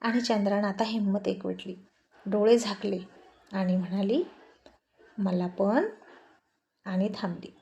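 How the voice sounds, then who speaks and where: A woman narrating a serialized village romance story in an expressive, flowing way. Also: medium pitch, moderate pace, gravelly, muffled recording.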